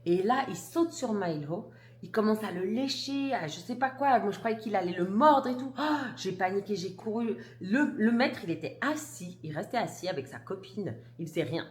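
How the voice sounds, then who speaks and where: A woman's voice: medium pitch, expressive, moderate pace, a little mellow. A mother vlogging to camera, telling a story emphatically and indignantly, with restarts and blunt words. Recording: roomy echo.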